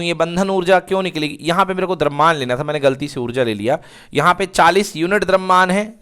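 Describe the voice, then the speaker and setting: A man's voice: on the high side, a bit bright, clear, resonant tone. A male physics teacher lecturing to students, repeatedly asking questions and answering them himself. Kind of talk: classroom lecture.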